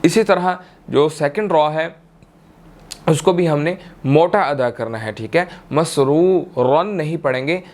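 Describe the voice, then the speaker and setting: A man with a Pakistani Urdu accent teaching tajweed, chanting verses in long drawn-out tones and then explaining each rule briskly, often checking in with "theek hai". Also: a little high, a little mellow. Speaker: Quran recitation teacher. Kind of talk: tajweed lesson, slow chanted recitation then quick explanation.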